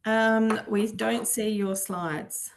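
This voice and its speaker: A woman running a webinar answers in short replies over a video call. She speaks slowly, and her voice has a gravelly, creaky texture. There is a faint hiss of background noise behind her. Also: fairly high pitch, steady tone. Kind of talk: casual chat on a video call.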